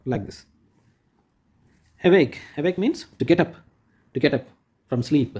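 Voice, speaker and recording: Mellow, husky teacher. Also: male voice, on the high side, lively intonation. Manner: repeats each point slowly and rephrases it for children; points and demonstrates with "like this". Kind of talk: explaining a school textbook lesson.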